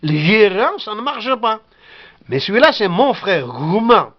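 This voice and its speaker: A man's voice: high-pitched, big pitch swings, a little slow, lo-fi sound. A man whose first language is Kabyle gives a patient spoken lesson, repeating each word and sounding it out. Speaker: language teacher.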